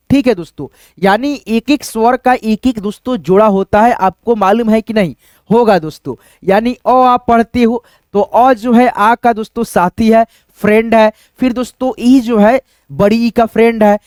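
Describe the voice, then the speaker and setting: A male teacher giving a casual writing lesson, explaining slowly step by step and asking questions that he answers himself. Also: high-pitched, a little mellow, clear, resonant tone, no room sound, studio quality. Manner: explains slowly and step by step, says "friends" often, asks then answers himself.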